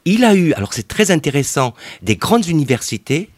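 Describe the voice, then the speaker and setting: A talkative man guesting on a radio show, his voice climbing and falling in lively swings as he chats. He rambles eagerly from one point to the next, recorded close and dry in a studio. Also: on the high side, fairly quick, no echo. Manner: enthusiastic, talkative, digressive. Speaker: radio guest, arts association member. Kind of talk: radio interview conversation.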